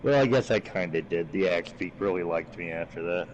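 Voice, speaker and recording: A man's voice: deep voice, fairly quick, lo-fi sound. A man chatting casually as a player in an online tabletop roleplaying game. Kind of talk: casual chat. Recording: faint background noise, online voice chat.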